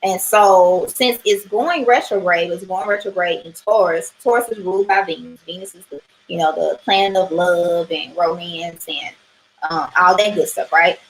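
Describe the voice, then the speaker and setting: A woman's voice: on the low side, moderate pace, a little hiss or hum, rough recording. A woman talking through a weekly astrology reading in a casual livestream, chatty and loose, swearing now and then and asking "right?" a lot. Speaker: tarot and astrology reader.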